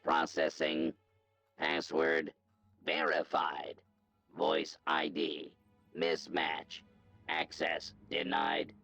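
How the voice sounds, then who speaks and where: A computer processing voice from a game bank terminal, very deep and rumbling. It delivers its clipped announcements at a crawling pace in one flat, unchanging tone. The sound is muffled and distant. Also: male voice, vocal fry, no echo, soft background music, full character voice. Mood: mechanical. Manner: slow, clipped machine announcements. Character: monotone male bank security computer.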